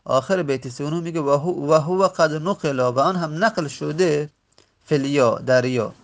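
A man teaching an Arabic grammar lesson, reciting verb forms slowly and repeating them, pausing often and correcting himself. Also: fairly high pitch. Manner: slow, repetitive recitation of word forms; self-correcting, with frequent pauses.

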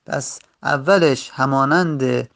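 A man teaching a grammar lesson, explaining each step methodically with short pauses. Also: mid-range voice, creaky, a bit bright.

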